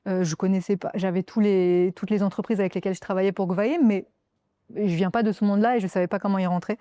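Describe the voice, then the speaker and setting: A woman's voice: mid-range voice, fairly even intonation, quick pace, warm tone, dry recording. Enthusiastic Frenchwoman in her thirties. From France. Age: 30s. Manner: enthusiastic, with frequent restarts and repeated words; emotional, moved while telling her story. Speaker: interview guest. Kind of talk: conversational interview.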